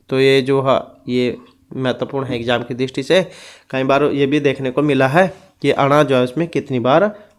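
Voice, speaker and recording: A man explains grammar rules for an exam-prep lesson, his voice sitting at an ordinary middle pitch for a man. He reads out each rule and then goes through its items one at a time, in the steady manner of a teacher.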